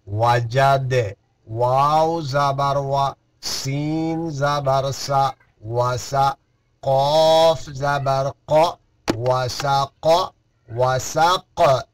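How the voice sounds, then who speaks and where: A man teaching Quran reading, spelling out each letter and vowel mark, then blending them into words, with quick soft asides between drills. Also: mid-range voice. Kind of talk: slow syllable-by-syllable recitation lesson.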